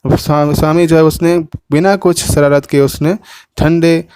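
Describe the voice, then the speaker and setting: A man's voice: a little high, fairly even intonation, a little slow, a little mellow, clear, resonant tone, no echo. A man with a Gujarati accent, teaching a class lesson and retelling the story in detail, voicing its dialogue as he goes. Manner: retells the story in Hindi with English words, acting out quotes.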